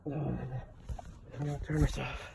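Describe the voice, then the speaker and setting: A man's voice: mid-range voice, flat delivery, normal speed, vocal fry. A man filming himself outdoors at night, gasping and coughing through strained exclamations after being sprayed. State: coughing, gagging from skunk spray. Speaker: vlogger. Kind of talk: panicked live commentary while filming. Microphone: phone camera swinging about. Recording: noisy outdoor phone recording.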